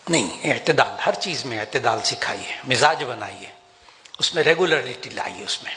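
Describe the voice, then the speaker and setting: An older religious scholar delivers a sermon in a large hall before an audience. He's animated and emphatic, his pitch climbing for emphasis and his pace slowing for Quranic prayers. The recording carries long hall reverb and faint background noise.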